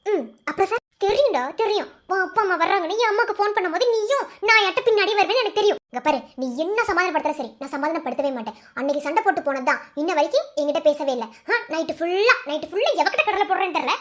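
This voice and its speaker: A woman with a Madurai Tamil accent voicing a sharp-tongued young woman who teases and scolds her boyfriend. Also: high voice, animated, very fast, hardly any pauses. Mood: scolding. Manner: teasing, scolding, mocking.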